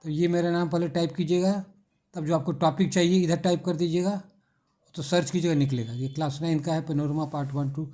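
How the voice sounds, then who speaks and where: A man's voice: on the high side, steady tone, fairly quick, warm tone. A middle-aged male teacher, explaining an English textbook exercise and patiently spelling words out letter by letter.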